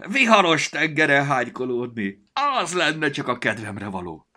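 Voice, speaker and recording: A man voicing an excitable talking storybook that loves adventure, crying out in a shrill, theatrical voice. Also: full character voice. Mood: thrilled.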